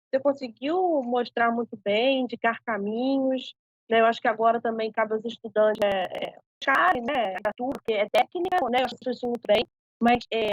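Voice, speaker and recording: Woman moderator, slightly high voice, quick and hesitant, dry close sound. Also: dry recording, rough recording. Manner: hesitant, many fillers and tag questions. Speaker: seminar moderator. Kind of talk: online academic discussion.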